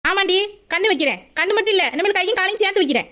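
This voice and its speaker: A woman plays a sharp-tongued mother. She fires back fast, bantering retorts. She mocks her daughter with good-natured sarcasm. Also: extremely high pitch, lively intonation, heavily acted. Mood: mock-offended.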